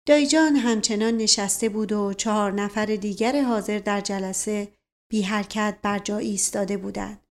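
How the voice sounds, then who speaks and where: A woman reading a novel aloud in an even, measured narration. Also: mid-range voice. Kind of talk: audiobook narration.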